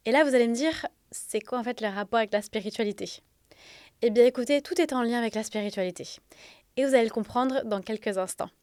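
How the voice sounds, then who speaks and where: A woman speaks as the host of a self-help episode in a fairly high voice. Tonsillitis gives her a slightly throaty sound, as if talking around swollen tonsils and a sore throat. She explains things directly and conversationally to her listeners, with a very dry sound free of room echo. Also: a little mellow. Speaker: podcast host.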